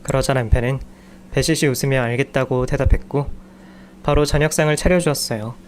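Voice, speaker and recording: A man's voice: mid-range voice, steady tone, brisk, slight background noise. Man narrating a radio story.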